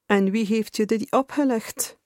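A woman voicing an older male parish priest who asks calm questions. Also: a little high, unhurried, dry recording, studio quality, lightly acted. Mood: probing.

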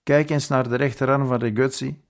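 A man's voice: mid-range voice, fairly even intonation, brisk, voice pushed up, natural voice. A man voicing a sympathetic police interrogator who speaks with urgent concern in an audiobook. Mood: alarmed.

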